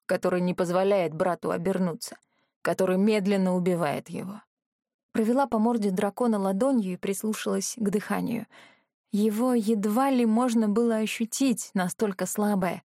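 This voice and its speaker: A woman's voice: medium pitch, fairly even intonation, normal speed, mellow, no echo, clean studio sound. Woman narrating a fantasy audiobook.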